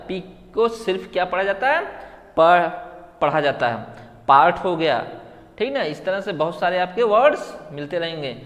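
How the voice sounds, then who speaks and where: A man's voice: sits high, fairly bright tone. A man teaching a classroom lesson, drilling his students with repeated questions and answers. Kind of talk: classroom lesson on English letter sounds. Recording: long reverb, hall-like room.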